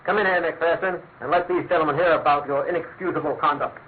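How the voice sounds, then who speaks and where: An actor playing a smug, blustering police inspector in a classic radio drama, emphatic and officious. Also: male voice, a little high, steady tone, fast talker, close to an everyday voice. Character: blustering, self-satisfied male police inspector. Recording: tinny, narrow-band old radio, noisy.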